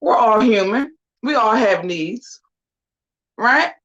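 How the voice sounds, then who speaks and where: With a fairly high, slightly bright voice and lively intonation, a forties-aged vlogger speaks slowly as she gets ready on camera. Her casual chat is sassy and packed with slangy asides, though the recording loses its highs.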